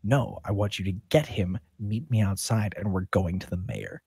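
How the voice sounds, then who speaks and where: Curt, commanding old elf in a fantasy game, as a game master puts him on, low husky voice. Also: male voice, normal speed, a little mellow, no echo, full character voice. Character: brusque old male elf, driven and impatient.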